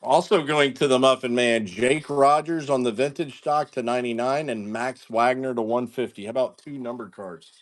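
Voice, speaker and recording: A man's voice: medium pitch, steady tone, normal speed, few pauses. A man hosting a live card-breaking stream, chatting casually in slang and greeting viewers by name. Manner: laid-back, slangy, talks to viewers by name. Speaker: card-breaking livestream host.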